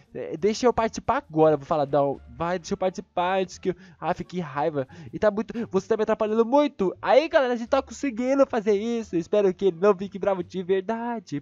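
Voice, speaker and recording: Brazilian man, high and excitable, for lively gameplay commentary with squealing outbursts; slightly lo-fi audio. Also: no room sound. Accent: Brazilian Portuguese. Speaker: gaming video creator.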